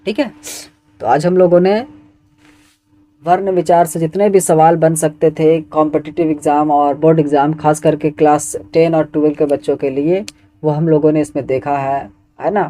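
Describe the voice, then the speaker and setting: A man's voice: a little high, little pitch movement, moderate pace, mellow. A man teaching Hindi grammar who reads each exam question and its options aloud, then asks for the answer and repeats it. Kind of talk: exam question walkthrough lesson.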